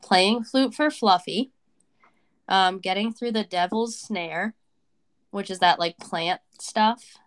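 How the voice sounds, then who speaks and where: A woman's voice: mid-range voice, slow pace. A woman co-hosting a casual podcast chat, rambling with fillers and restarts, her voice a little worn after covid. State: recovering from covid, voice may crack. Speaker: podcast co-host.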